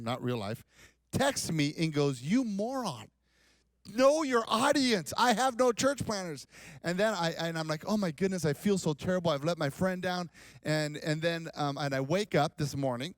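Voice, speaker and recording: A man's voice: a little high, no room sound. A man in his forties, a pastor giving a casual, rambling, joking talk at a conference. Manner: rambling, self-deprecating, joking. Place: conference hall.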